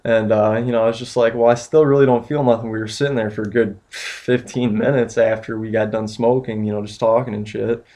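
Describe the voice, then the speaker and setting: A man's voice: fairly low pitch, little pitch movement, fairly quick, darkish tone. A young man telling a story in a casual, rambling way, with lots of "you know" and "like". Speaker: vlogger.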